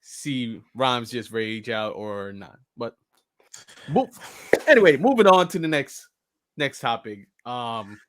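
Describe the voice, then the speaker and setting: A man co-hosting a casual sports podcast, speaking haltingly with frequent restarts and loose grammar. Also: medium pitch, animated, fairly bright tone. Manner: halting, restarts phrases, non-standard grammar.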